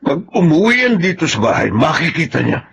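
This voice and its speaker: A man's voice: on the high side, big pitch swings, brisk, creaky, a bit bright, husky, heavily acted. An actor playing a stern middle-aged father in an old radio drama, firm and reproachful. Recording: dull lo-fi old radio recording.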